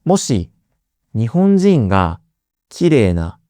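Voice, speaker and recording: A man hosting a teaching podcast, speaking slowly and carefully enunciating, often repeating key words for learners. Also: medium pitch, big pitch swings, dark tone, dry recording, studio quality. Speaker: Japanese teacher and podcast host.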